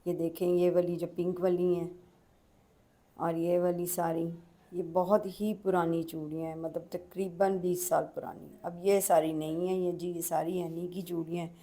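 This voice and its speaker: A woman's voice: fairly low pitch, little pitch movement, normal speed, dark tone. A middle-aged woman with a Punjabi accent, chatting in a folksy way as a home cook in a casual cooking vlog and addressing viewers politely.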